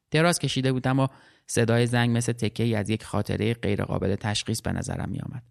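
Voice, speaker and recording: A man reading a literary short story aloud as narrator, in a calm, measured, reflective way. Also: medium pitch, clean tone.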